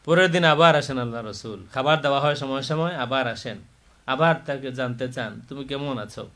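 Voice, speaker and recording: A man preaching a sermon in a mosque. He is impassioned, rising to loud, high cries and then dropping low to tell a story. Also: normal speed. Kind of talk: Bengali waz sermon.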